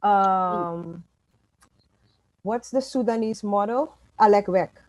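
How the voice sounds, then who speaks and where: This guest author, a middle-aged native Dutch speaker from Suriname, talks with emphasis and frequent restarts during a conversational interview. Her mid-range, slightly mellow voice moves slowly, with no echo.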